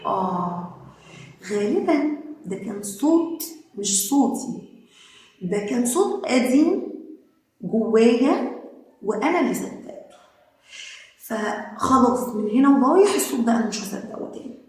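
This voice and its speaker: A woman with an Egyptian Arabic accent giving gentle, reassuring self-help advice to women, with many fillers and restarts. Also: fairly high pitch, very animated, moderate pace, long pauses. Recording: very echoey room with faint noise.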